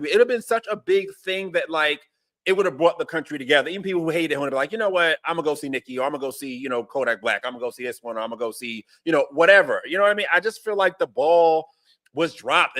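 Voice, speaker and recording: A man's voice: a little high, a bit bright, dry recording, studio quality. A man in his forties from Brooklyn, hosting a casual political chat podcast, rambling with lots of fillers. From Brooklyn, New York. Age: 40s. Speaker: podcast host.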